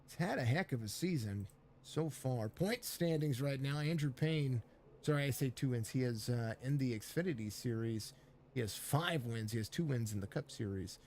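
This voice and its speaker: Hoarse from laryngitis, a male race commentator and stream host commentates live on a sim racing stream, rambling through the grid, greeting chat viewers, and using lots of fillers and restarts in his play-by-play. His mid-range voice is animated and darkish at normal speed, with a little hiss or hum.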